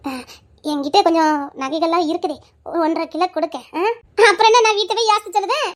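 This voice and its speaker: A woman's voice: extremely high pitch, fast, background noise. A woman playing a blunt, gossipy older village mother of the groom. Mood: scolding. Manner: scolding, gossipy, preachy.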